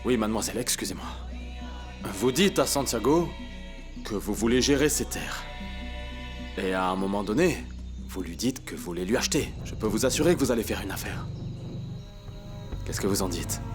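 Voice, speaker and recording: A man's voice: fairly low pitch, animated, normal speed, pauses often, over music, close to an everyday voice. An actor dubbing a scheming man who persuades someone to take over land, wheedling and persuasive. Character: man, smooth-talking and scheming go-between. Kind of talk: dubbed telenovela acting.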